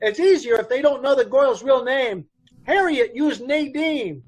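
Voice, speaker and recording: An actor in an old-time radio police drama plays a brusque, chatty dance hall boss with blunt, folksy speech and an offhand mood. His male voice is very high-pitched and measured in pace.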